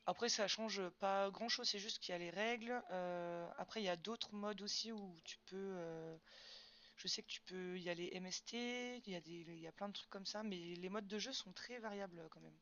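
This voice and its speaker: Casual young woman gamer talking to her chat, bright voice, slightly muffled recording. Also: medium pitch, moderate pace. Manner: chatty, answers chat questions, frequent fillers and "hop". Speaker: streamer. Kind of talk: casual live-stream chat while gaming.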